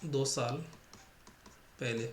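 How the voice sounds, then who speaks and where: At a very slow pace and with fairly even intonation, a medium-pitched male voice walks a class through exam-prep math. The teacher has a Rajasthani Hindi accent, repeats each step, and keeps posing rhetorical questions to students in a room with echo.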